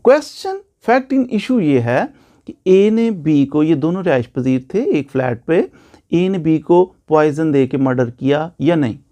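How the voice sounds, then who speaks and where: A man with a Pakistani accent gives an informal law lecture, repeating points and asking questions he then answers himself. His voice is fairly high, animated, and warm, at a measured pace.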